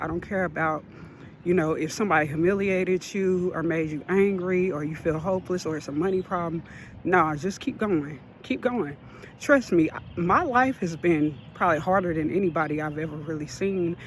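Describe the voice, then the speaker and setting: A man with a notably high voice speaks straight to his viewers in an earnest, encouraging vlog. He rambles with plenty of fillers and sounds a little out of breath, with faint ambient sound behind him. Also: a little hiss or hum. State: a bit out of breath. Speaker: vlogger. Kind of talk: motivational vlog talk.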